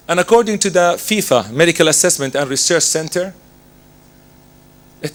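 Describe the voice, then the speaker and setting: A pharmacist with laryngitis delivers a methodical medical lecture, his hoarse voice pitched on the high side as he moves through his slides.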